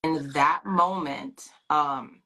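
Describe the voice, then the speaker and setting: Woman, interview guest, deep voice, bright and forceful, earnest, video call. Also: extremely slow, rough recording. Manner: earnest, emphatic, reflective. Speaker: pageant titleholder guest. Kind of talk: storytelling in an interview.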